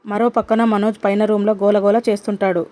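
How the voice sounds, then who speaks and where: A woman narrating a recap of a family drama in steady, scripted storytelling. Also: mid-range voice, brisk.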